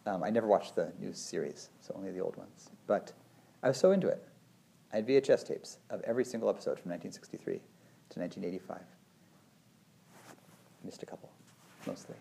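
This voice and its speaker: A man in his forties who teaches meditation talks in a thoughtful, rambling, casual manner, using "you know" and "like" constantly. The voice is mid-range, creaky, and mellow.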